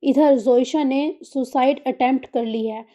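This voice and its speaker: A woman's voice: sits high, steady tone, mellow, lightly acted. A woman reading the lines of a distressed middle-aged aunt who pleads anxiously, in an audiobook story. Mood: tearful.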